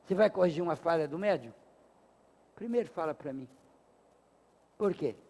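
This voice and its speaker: Guy with a high voice teaching a class, emphatic, asks lots of rhetorical questions, big echoey hall. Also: expressive, normal speed, darkish tone. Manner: emphatic, rhetorical, acts out dialogues. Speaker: lecturer at a spiritist center. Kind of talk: spoken lecture to a class. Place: lecture hall of a spiritist association. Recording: long hall reverb.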